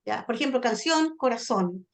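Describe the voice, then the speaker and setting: A woman's voice: fairly high pitch, animated, moderate pace. A woman from Chile with a Chilean accent, a literature teacher explaining sonnet form in an online class, often checking in with her students.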